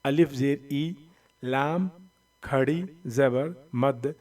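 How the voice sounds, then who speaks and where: A man teaching Quran reading, slowly sounding out letters and syllables, drawing out the long vowels, with a voice that cracks when he strains it. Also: mid-range voice, a little mellow, recorded from a distance. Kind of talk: Noorani Qaida recitation lesson.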